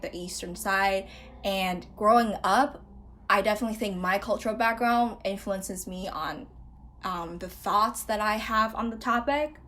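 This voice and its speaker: A woman's voice: mid-range voice, fairly bright tone. A young woman from Taiwan hosting a podcast, chatting casually with many filler likes. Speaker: podcast host.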